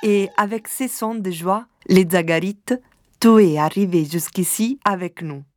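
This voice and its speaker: A woman from southern Italy giving calm, measured scripted documentary narration. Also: medium pitch, very noisy.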